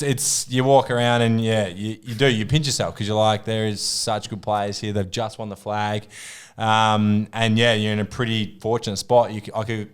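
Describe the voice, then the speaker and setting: A young Australian man, a podcast guest, telling stories in relaxed casual chat that often trails off. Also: on the low side, smooth. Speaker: podcast guest, former footballer.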